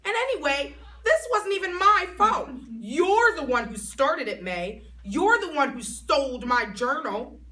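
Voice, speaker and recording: A woman reading aloud and voicing a bossy, hot-tempered little girl who bursts out loudly. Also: very animated, a little slow, full character voice. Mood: indignant. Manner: loud, high, indignant outbursts. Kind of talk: storybook read-aloud. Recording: voice a bit far from mic, faint background noise.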